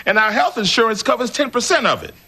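An actor playing a sheepish sitcom husband, nervous and placating. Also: male voice, very high-pitched, very animated, fast talker, bright, forceful tone, breathy edge, full character voice. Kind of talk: broad sitcom acting.

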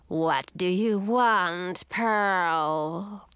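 A woman voicing an old, menacing female sea witch who draws out her threatening words slowly. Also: fairly low pitch, a bit bright, smooth, no echo. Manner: slow, drawn-out threatening delivery.

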